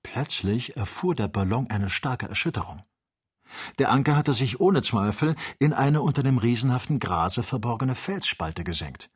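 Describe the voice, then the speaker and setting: A man narrating a classic adventure novel as an audiobook, reading in an even, measured way. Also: mid-range voice, husky. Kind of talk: scripted narration.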